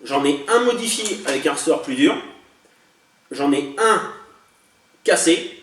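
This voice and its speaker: A man's voice: a little high, animated, a little slow, a bit bright, far from the mic, slight background noise. Chatty man in an echoey room. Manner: chatty, hesitant, many fillers and self-corrections. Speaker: toy collector showing a haul. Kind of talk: casual unboxing vlog.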